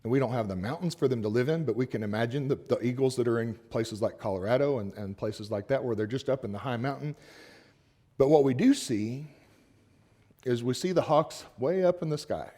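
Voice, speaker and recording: A man's voice: mid-range voice, a little fast, mellow. Man preaching a casual, joking sermon. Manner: casual, joking asides with laughs; paraphrases scripture in everyday speech.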